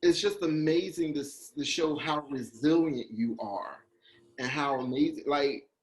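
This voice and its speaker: A man's voice: a little high, unhurried. A young man interviewing a former mentor, moved and searching for words. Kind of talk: conversational interview.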